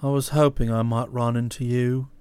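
A woman's voice: a bass voice, level tone, dark tone, clear, resonant tone, no echo, voice pushed down. A woman doing a hollow-voiced gloomy young Englishman. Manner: hollow, halting, mournful.

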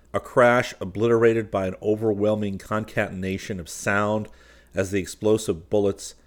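A man narrating a science-fiction audiobook in a steady, measured reading. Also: lowish voice.

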